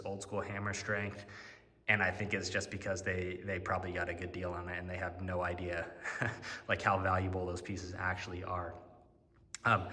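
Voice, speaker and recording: A deep, forceful male voice rambles through casual vlog chat, full of fillers and restarts. A long, cave-like echo hangs on every word, as if the mic cable were faulty. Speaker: fitness vlogger. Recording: echoey, cave-like reverb on the mic.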